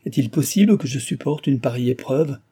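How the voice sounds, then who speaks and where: A man reading an audiobook who voices a desperate, passionate young gentleman speaking with impassioned urgency. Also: medium pitch, normal speed, husky, natural voice. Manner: impassioned, pleading.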